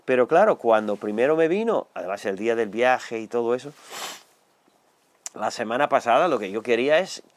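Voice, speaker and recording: An older man from Spain with a Spanish accent, preaching a conversational sermon while hoarse from a lingering cold, often slipping into acted quotes. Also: medium pitch, expressive, brisk. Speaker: pastor.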